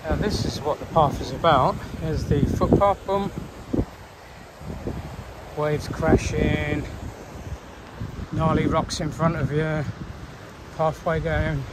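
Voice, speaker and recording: A man in his fifties, out hiking on a windy coastal footpath, chats casually to a phone held at arm's length. His voice sits on the high side with a steady tone, and he talks slowly with frequent pauses. It's a rambling walking vlog, full of wry asides.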